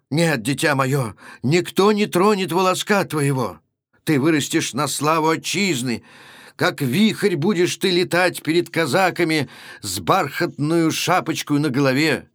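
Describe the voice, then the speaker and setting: A man's voice: fairly high pitch, a bit bright, no room sound, clean studio sound. A man voicing a proud young Cossack husband, stern and commanding, in a storybook reading.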